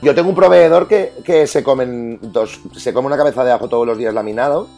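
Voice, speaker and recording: A man's voice: mid-range voice, fast talker, vocal fry, darkish tone. A man from co-hosting a casual podcast, telling jokey stories with big exaggerated reactions. His voice sits in a middle register, and faint music plays beneath the talk. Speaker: podcast co-host.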